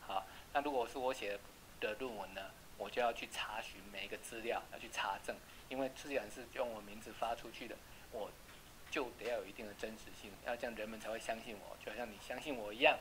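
A man teaching an English class, chatty and checking with students, slowing down to repeat words for pronunciation. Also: on the low side, steady tone, noisy background. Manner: asks "right?" often. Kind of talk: classroom lesson.

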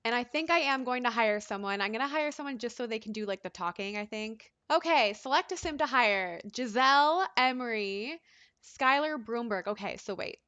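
A young woman gives lively, chatty commentary over her gameplay, playing up the drama. Her voice is bright and a touch high. The recording is dry and slightly muffled. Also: normal speed, dry recording. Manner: chatty, dramatic, voices the game characters' lines. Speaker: let's play host.

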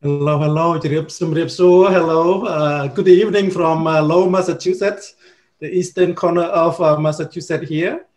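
A Cambodian man in his fifties earnestly introduces himself as a panelist on a video call, using many fillers and restarts. He's indoors with a virtual background, and his voice is on the high side, slightly mellow, with a steady tone and moderate pace.

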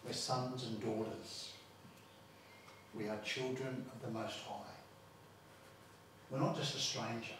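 A man's voice: mid-range voice, steady tone, slow pace, long pauses, a bit bright, a little hiss or hum. A man with an Australian accent preaching a sermon as pastor, stressing points and repeating words as he builds them. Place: church. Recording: very echoey church hall, mic far off.

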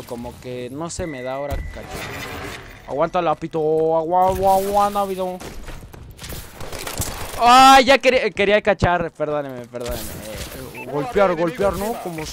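A man with a Mexican accent giving casual gameplay commentary, chatty and excitable, often breaking into yells and exclamations. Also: high-pitched, background noise. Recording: loud game gunfire under voice.

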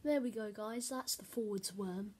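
A woman's voice: mid-range voice, moderate pace, background noise. A woman vlogging a casual how-to from her bedroom. She rambles with lots of fillers and talks into a camera set on the bed. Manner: rambling, full of "basically" and "like" fillers. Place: bedroom, indoors. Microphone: camera mic set on the bed.

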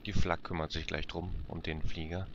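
A man with a low voice talks through a strategy game as a let's player. His delivery is casual commentary, reading and reacting as he plays. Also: level tone, moderate pace, lo-fi sound, background noise. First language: German. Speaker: let's play gamer.

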